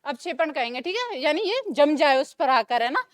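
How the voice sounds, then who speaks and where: A young woman with a high, light voice teaches a class, throwing out questions and answering them herself as she goes over each term again. Her voice sounds close and dry, with no room echo. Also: sing-song, normal speed. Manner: asks questions and answers them herself, repeats key terms. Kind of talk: classroom lecture.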